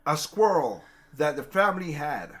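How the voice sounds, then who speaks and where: A man's voice: fairly high pitch, sing-song, moderate pace, fairly bright tone. A man hosting a casual political talk show, rambling with many restarts and growing heated. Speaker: podcast host.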